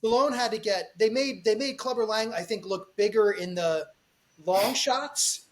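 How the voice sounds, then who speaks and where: A man's voice: high-pitched, a little slow. A man co-hosting a podcast, recalling pop culture with enthusiasm in casual chat. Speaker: podcast co-host.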